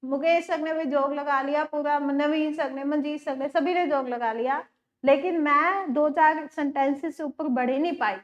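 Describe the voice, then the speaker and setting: A woman's voice: high voice, fairly even intonation, normal speed. Chatty woman teacher, muffled audio. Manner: chatty, addresses students as beta. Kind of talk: classroom lecture.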